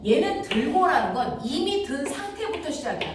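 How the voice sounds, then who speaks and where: A woman teaching a physics class, constantly checking that students follow with quick questions. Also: high-pitched, sing-song. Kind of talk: classroom lecture. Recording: very echoey room, distant mic, audible noise.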